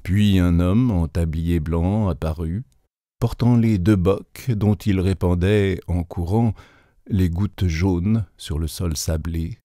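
Male narrator, literary story reading, deliberate, dark mellow voice, dry close sound. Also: low voice, no echo.

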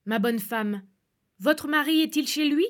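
A woman playing a fine gentleman who is secretly a magician, in a storybook. He speaks smoothly and persuasively, close to her own reading voice, always scheming. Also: high-pitched, unhurried, pitched above the performer's own voice. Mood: coaxing. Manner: coaxing, persuasive.

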